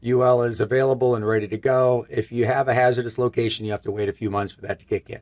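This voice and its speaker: A man in his fifties from Michigan, scratchy-voiced, hosts a live stream product presentation on a technical topic from a room with a brick wall backdrop. His medium-pitched, darkish voice moves at a quick pace with fairly even intonation, while his manner is upbeat and chatty, with gestures as he talks.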